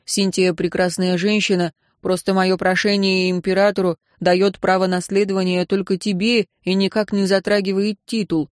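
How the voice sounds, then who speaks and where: Lady narrator doing a stubborn protective guy, grumbly and measured, dry sound. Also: mid-range voice, level tone, no echo, lightly acted. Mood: earnest. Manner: measured, grumbling, hesitant at times. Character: protective young nobleman, stubborn. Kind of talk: audiobook character reading.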